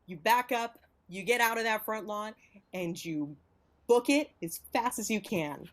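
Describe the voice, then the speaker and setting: A woman's voice: mid-range voice, expressive, measured pace. A woman acting teacher leading a class through a spooky imagined walk in second person, playful and encouraging. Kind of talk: guided imagination exercise.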